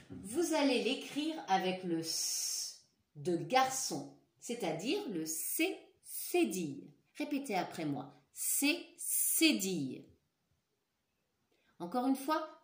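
A woman's voice: mid-range voice, very animated, slow. A woman teacher leading a dictation for young children, patient, repeating and stretching each word. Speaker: schoolteacher. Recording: echoey room.

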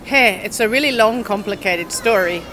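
Woman, 60s, Australian accent, bright and chatty, rambling storyteller. Lapel mic, outdoor square, faint traffic. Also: medium pitch, normal speed, poor audio. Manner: rambling, self-correcting, checks in with the listener. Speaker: university English teacher. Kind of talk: casual interview, long storytelling answers. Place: outdoor cafe table on a town square.

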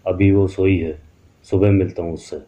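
A troubled middle-aged haveli owner who pleads earnestly with those around him, as a male narrator puts him on. He has a very deep, low voice, heard through a dull, lo-fi recording. This is a horror storybook reading. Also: steady tone, moderate pace, warm tone, natural voice. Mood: pleading.

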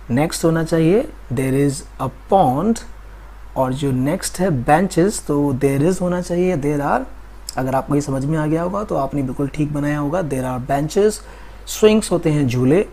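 A man with an Indian accent teaching spoken English, patiently explaining grammar and slowly drilling example sentences. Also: fairly high pitch, dark tone. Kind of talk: Hindi-language English lesson.

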